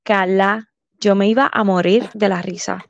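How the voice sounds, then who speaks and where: A woman's voice: mid-range voice, a little slow, dull audio. A woman co-hosting a podcast, chatting casually and acting out quotes with English words mixed in. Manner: animated, acts out quotes, mixes English words. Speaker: podcast co-host. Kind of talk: casual gossip chat.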